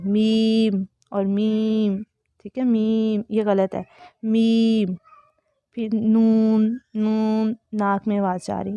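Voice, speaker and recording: A woman's voice: mid-range voice, dark tone, no room sound. A woman with a Pakistani Urdu accent giving an online lesson, patiently explaining Arabic letters and voicing each letter sound aloud. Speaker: Quran recitation teacher.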